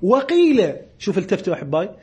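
A man with an Iraqi Arabic accent teaches religious law to a seminary class. He talks fast in a raised, bright register. He repeats definitions slowly and drops in light jokes. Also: high-pitched, very animated. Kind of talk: seminary lecture.

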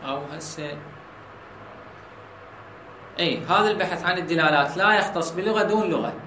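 A man with an Iraqi Arabic accent teaching a logic lesson, often asking his students whether the point is clear. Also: high-pitched, brisk, bright, forceful tone, slight background noise. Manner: asks students checking questions. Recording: echoey room with faint ambience.

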